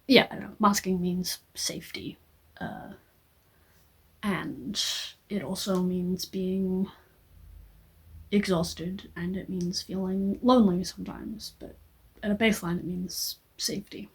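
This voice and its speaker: A woman answering an interview question in a hesitant, thoughtful way, with many pauses and fillers. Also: on the low side, steady tone, husky. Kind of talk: personal reflection.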